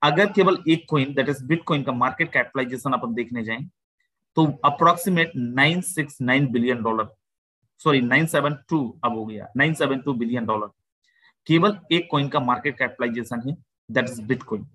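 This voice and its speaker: A man hosting an online video-call webinar, giving a persuasive sales pitch and often calling the listeners "my friend". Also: normal speed, bright, forceful tone, breathy edge, dry recording, low-quality recording. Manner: persuasive, addresses listeners as "my friend", mixes English phrases. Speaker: webinar host.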